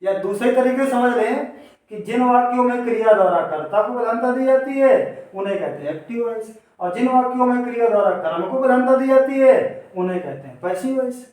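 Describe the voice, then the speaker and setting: A man's voice: very high voice, fairly quick, a little mellow, recorded from a distance. A male teacher giving a grammar lesson to students. He explains step by step, and he often asks a question and then answers it himself. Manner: addresses students directly. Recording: echoey room, voice away from the mic.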